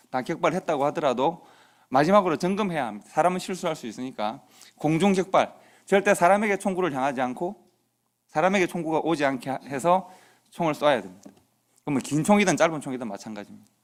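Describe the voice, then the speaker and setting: A middle-aged man preaching in a church, telling a personal story in a conversational way and acting out the dialogue. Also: a little high. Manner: conversational anecdote with quoted dialogue. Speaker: pastor. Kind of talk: sermon storytelling. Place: church sanctuary.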